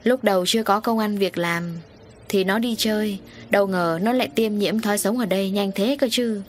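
A woman's voice: mid-range voice, moderate pace, a little hiss or hum, lightly acted. A woman voicing a worried middle-aged wife and mother, fretful and complaining, in an audio story.

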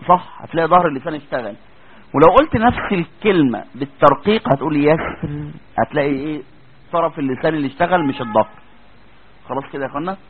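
A man's voice: fairly high pitch, slightly rough. A man with an Egyptian accent teaching Quran recitation in a classroom lecture. He explains each rule step by step and keeps asking if the students are following. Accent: Egyptian Arabic. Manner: explains step by step, checks understanding with frequent questions. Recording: tinny lo-fi lecture recording.

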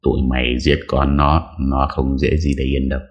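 A man reading the part of a young man who speaks softly and urgently to a younger companion. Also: a bass voice, little pitch movement, normal speed, lo-fi sound. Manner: hushed, urgent. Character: young man San, protective and firm.

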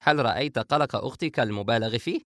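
A man's voice: medium pitch, quick pace, a bit bright, dry recording, clean studio sound, close to an everyday voice. A man voicing a joking, teasing grown brother in an audiobook. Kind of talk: audiobook character voice.

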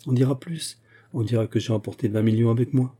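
Anxious loyal lady read by a man, dark voice, audiobook. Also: mid-range voice, steady tone, fairly quick, husky, close to an everyday voice. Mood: worried. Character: anxious noblewoman, loyal friend.

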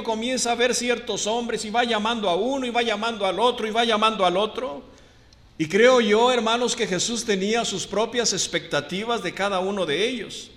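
A man's voice: high voice, fairly bright tone, in a large hall. A man preaching a sermon to his congregation, drawing out key words for emphasis and calling them brothers.

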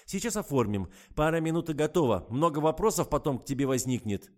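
A man's voice: a little high, animated, a little fast, darkish tone, pitched above the performer's own voice, lightly acted. A man voicing a stern woman posing as an investigator, issuing curt commands in an audiobook. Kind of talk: audiobook character voice.

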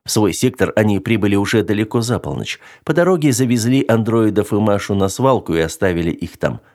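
A male narrator reads fiction in a low, steady voice. His delivery is even and measured. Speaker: audiobook narrator. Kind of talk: scripted narration.

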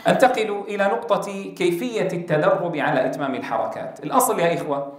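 Sheikh teaching tajweed, roomy echo. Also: male voice, sits high. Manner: explains calmly, then slowly drawls out example sounds. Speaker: Quran recitation teacher. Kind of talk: tajweed lesson with spoken pronunciation demos.

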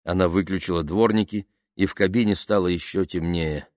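A man narrating an audiobook in a lively, expressive reading. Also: sits low, a little fast, dry recording, clean studio sound. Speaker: audiobook reader. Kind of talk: scripted narration.

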